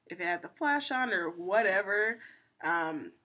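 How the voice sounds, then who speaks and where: A woman's voice: mid-range voice, animated, measured pace, bright, forceful tone. A woman in an easygoing podcast conversation, poking holes in stories and spinning her own theories. She talks in a loose, chatty way with frequent asides and fillers. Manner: skeptical, offers theories and retells anecdotes with asides. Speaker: co-host. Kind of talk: casual podcast chat.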